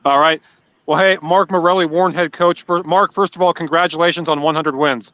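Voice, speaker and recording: A man's voice: on the high side, fairly even intonation, a little fast, fairly bright tone, no room sound. A man interviewing a coach after a game over a clipped, lo-fi online call, asking friendly, direct questions. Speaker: sports interviewer.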